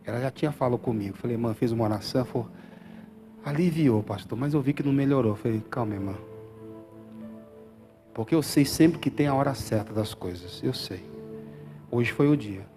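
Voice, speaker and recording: A male pastor with a Brazilian Portuguese accent preaching a fervent sermon in a church, swinging from quiet talk to loud calls and asking for amens. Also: mid-range voice, fairly quick, long pauses, faint music behind. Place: church hall.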